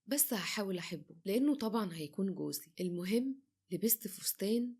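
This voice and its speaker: A woman's voice: mid-range voice, animated, mellow, breathy edge. A woman with an Egyptian accent narrating a dramatic first-person story, voicing both herself and the other people in it. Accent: Egyptian Arabic. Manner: quick, breathless retelling that voices both sides of the dialogue.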